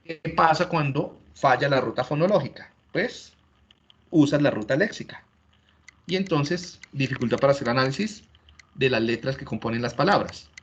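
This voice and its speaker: A man's voice: mid-range voice, animated, normal speed, breathy edge. Lecturing man, dull lo-fi recording. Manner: explanatory, checks understanding with frequent rhetorical questions. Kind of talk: classroom lecture.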